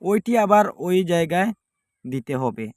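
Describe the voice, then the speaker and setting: A man with a fairly high voice talks through a home ritual one step at a time, pausing and circling back to repeat each instruction. There is no microphone, only the device's built-in one, and the sound is close and dry with almost no room echo. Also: big pitch swings, darkish tone. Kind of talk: step-by-step spoken demonstration. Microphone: no microphone, device's built-in mic.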